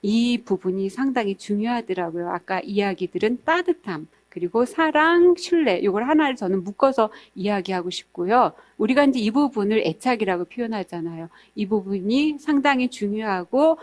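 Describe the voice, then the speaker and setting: A woman's voice: mid-range voice, moderate pace, few pauses. A middle-aged woman giving a parenting lecture, earnest and explanatory, repeating words for emphasis and acting out parents' and children's voices. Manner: acts out parents' and toddlers' voices in lively quotes.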